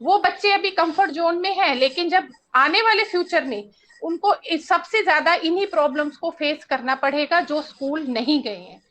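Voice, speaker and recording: A woman's voice: extremely high pitch, moderate pace, fairly bright tone. A woman speaking as a panel guest, insistent and argumentative. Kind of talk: panel discussion.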